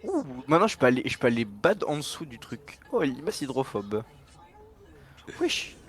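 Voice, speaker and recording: Young man, lively swooping intonation, teasing slang, casual game streaming. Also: mid-range voice, normal speed. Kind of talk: casual gaming commentary with a friend.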